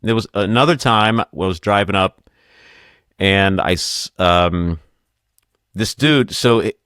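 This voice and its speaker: A man's voice: sits low, slow pace, a bit bright, clear, resonant tone, no echo, studio quality. A middle-aged man hosting a podcast, telling rambling stories in casual chat and laughing often. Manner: storytelling, laughs often, stumbles and restarts. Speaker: podcast host.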